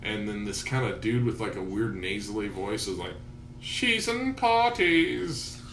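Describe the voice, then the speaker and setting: A man's voice: on the low side, fairly even intonation, fairly quick, far from the mic. A young man co-hosting a podcast, rambling casually and swearing a lot. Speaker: podcast co-host. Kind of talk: casual stoner chat. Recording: roomy echo, noisy, off-mic.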